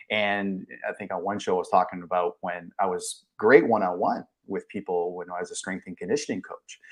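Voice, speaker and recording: A man in his forties hosting a podcast interview, chatty and thinking out loud with many fillers. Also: fairly low pitch. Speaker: podcast host and leadership coach. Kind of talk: casual interview chat.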